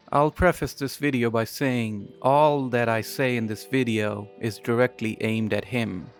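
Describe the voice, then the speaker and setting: A man with a mid-pitched voice narrates a scripted game retrospective as a reviewer. Music plays behind his commentary. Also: clean tone. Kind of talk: scripted video essay narration.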